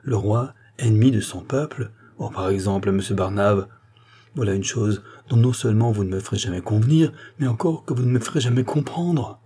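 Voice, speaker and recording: A man's voice: lowish voice, brisk, mellow, breathy edge. A man voicing a proud, doubting queen in a French audiobook reading, haughty and incredulous. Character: proud doubting queen, woman, middle-aged.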